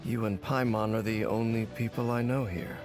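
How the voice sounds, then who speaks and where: A man voicing a reserved, blunt man of few words in a video game, terse and deadpan. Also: on the low side, normal speed, over music, natural voice. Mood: dry, reserved.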